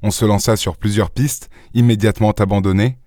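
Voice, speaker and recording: A man narrating an audiobook in a measured, even storytelling manner. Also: on the low side, no echo, studio quality. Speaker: audiobook reader. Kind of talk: scripted narration.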